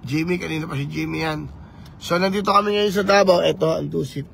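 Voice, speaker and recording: A man with a raised, rough-edged voice talks into a handheld phone from a moving vehicle. He shifts between languages in an animated, preachy manner. The road noise behind him stays faint. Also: a little high, a little fast. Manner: animated, code-switching, preachy. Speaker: vlogger campaigning for office. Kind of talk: live vlog chat.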